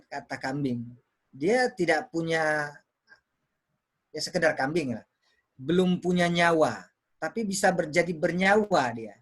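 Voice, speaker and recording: A man's voice: a little high, a bit bright. A man teaching public speaking on a video call, explaining with everyday examples and repeating words to show intonation. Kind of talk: online workshop teaching.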